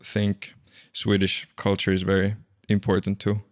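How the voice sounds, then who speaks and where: A man speaking as a podcast guest, hesitant with many pauses and uhs. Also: deep voice, completely flat delivery, no room sound, clean studio sound. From Finland. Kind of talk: casual conversation.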